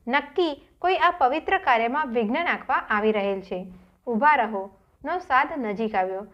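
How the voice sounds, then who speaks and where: A woman's voice: a little high, animated, moderate pace, lo-fi sound. Woman reading a dramatic story. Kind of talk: scripted storybook narration.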